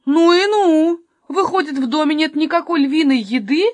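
Kasper, a woman doing a loud bossy robber. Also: high-pitched, big pitch swings, moderate pace, no echo, pitched above the performer's own voice, exaggerated voice. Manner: exclaiming, shouting. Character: loud bossy male robber, quick to anger.

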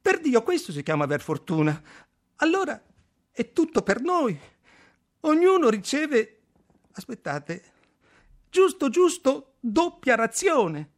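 A man voicing a skinny, greedy young soldier with a rat-like face, sly and excitable, rising into high yelps. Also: measured pace, breathy edge, heavily acted. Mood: gleeful.

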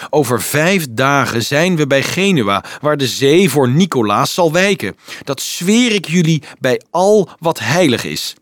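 A man voicing an agitated male crusade leader who insists and pleads loudly with a crowd of children, in a storybook reading. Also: on the high side, very animated, unhurried, dry recording, studio quality, voice pushed up. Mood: pleading.

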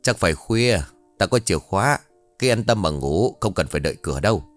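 A man voicing a weary older rural uncle who talks bluntly and gruffly. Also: deep voice, animated, a little fast, no room sound, soft background music.

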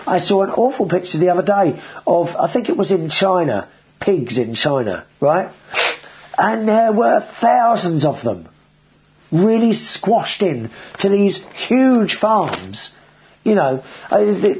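A man's voice: sits high, very animated, slow, a little mellow, low-quality recording. A man hosting a casual video show, talking in a chatty, rambling way with frequent restarts. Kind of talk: casual vlog monologue.

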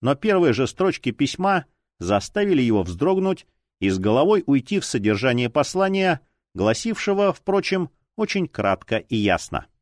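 Animated male audiobook narrator. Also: mid-range voice, moderate pace, no echo, clean studio sound. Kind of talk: scripted narration.

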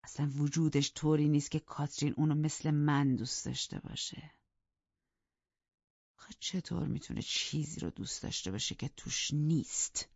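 A man voicing a bitter, obsessive young man who talks with intense scorn and drops into low whispers in an audiobook. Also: gravelly, no room sound. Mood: scornful. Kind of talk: audiobook character reading. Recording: dry, dull lo-fi recording.

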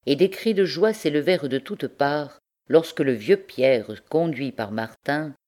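A woman narrating a classic novel as a volunteer audiobook reader, with expressive storytelling. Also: sits low, measured pace.

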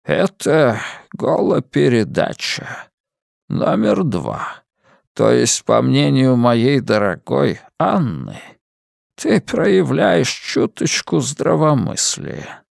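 A frail old man with a faint, rustling, gravelly voice, as a male narrator puts him on. He drags out each phrase with chilling courtesy. The read is close and dry, with no room around it. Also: medium pitch, sing-song, dry recording, full character voice. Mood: cold menace. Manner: slow, measured, coldly polite. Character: frail old man, cold, menacing villain.

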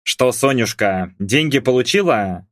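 A grumbling, stubborn middle-aged father from an audiobook, mumbling his complaints, as a male narrator plays him. He speaks slowly, in a dry, close recording. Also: medium pitch, animated, a bit bright, dry recording.

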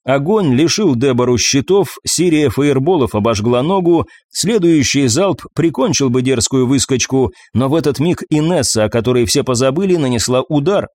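A man reading an audiobook in a measured, even storytelling voice. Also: medium pitch, no room sound. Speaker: audiobook narrator. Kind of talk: scripted narration.

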